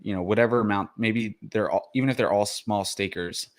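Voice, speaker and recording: Breathless low-voiced man explaining casually. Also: a little fast. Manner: rambling, many fillers and restarts. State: out of breath after the gym. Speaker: crypto video host.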